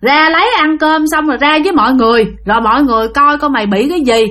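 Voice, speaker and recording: A woman voicing a worried grown man with a Southern Vietnamese accent, shouting and pleading with a friend behind a door. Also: high voice, fast talker. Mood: coaxing. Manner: loud, pleading, scolding.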